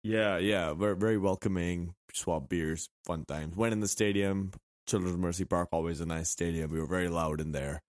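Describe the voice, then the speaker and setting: Gravelly, hoarse male podcast host, fairly low. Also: steady tone, moderate pace, no echo, clean studio sound. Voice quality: gravelly, raspy voice. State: hoarse from a throat infection. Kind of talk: casual sports podcast chat.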